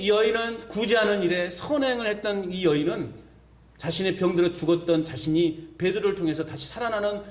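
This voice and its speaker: A male pastor preaching a sermon to his congregation, putting rhetorical questions to the listeners. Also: fairly high pitch. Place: church sanctuary. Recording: echoey church hall.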